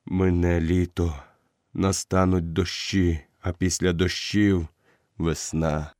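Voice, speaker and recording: Male reader doing an old dying wolf chief for a storybook: low, faint, breathless and fond. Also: flat delivery, slow, a little mellow, dry recording, clean studio sound. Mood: weary, tender. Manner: low, weak, breathless murmur.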